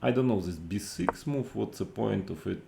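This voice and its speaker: A man giving off-the-cuff chess commentary in an exasperated, incredulous, critical way, with halting, repetitive phrasing and rhetorical questions. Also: lowish voice, expressive, gravelly, echoey room, noisy background.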